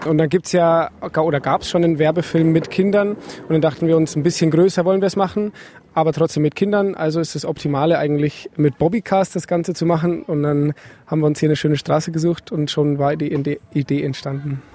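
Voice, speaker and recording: Slightly high-voiced man, hesitant answers. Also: steady tone, fairly quick, warm tone. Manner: hesitant, with fillers. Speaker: workshop leader. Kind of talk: casual interview answers.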